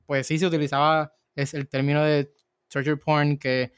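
A man's voice: fairly high pitch, little pitch movement, normal speed, smooth, dry recording, clean studio sound. A man co-hosting a casual film discussion, telling stories with lots of restarts and rambling asides. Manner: rambling storyteller with many restarts. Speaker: podcast co-host.

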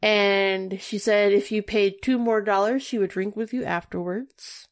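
A woman co-hosting a casual podcast chat, telling stories in an animated way. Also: mid-range voice, a little slow. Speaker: podcast co-host.

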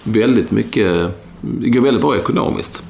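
Gravelly deep-voiced man. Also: a little mellow, slight background noise. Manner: rambling, blunt, with many fillers. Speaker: podcast co-host. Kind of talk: casual football chat.

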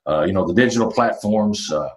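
A man of fifty talks about his music career in a casual interview. His voice sits very low. He rambles easily, with plenty of "uh" and "you know" and the odd mild curse. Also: brisk, rough recording. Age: 50s. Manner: relaxed storytelling with fillers and mild cursing. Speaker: country singer-songwriter.

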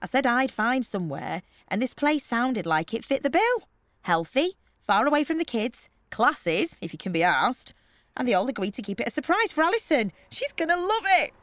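A woman voicing a brash, loud party girl who talks in slang and swears casually. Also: fairly high pitch, sing-song, normal speed, no echo. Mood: cheeky. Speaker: trip organiser.

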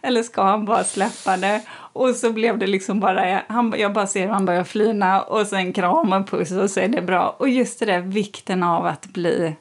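A woman in casual conversation, telling a personal story in a lively way and acting out what people said. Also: mid-range voice, few pauses. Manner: animated storytelling, acts out quoted lines. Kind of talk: casual chat.

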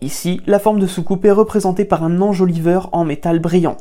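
Video host, playful scripted narration, warm tone. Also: mid-range voice, steady tone, fairly quick.

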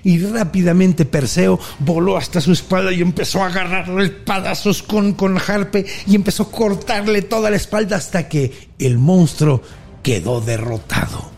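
Gravelly Mexican man retelling a myth. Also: high-pitched, moderate pace. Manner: slangy, animated, jokey retelling. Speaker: podcast storyteller. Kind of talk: casual mythology storytelling.

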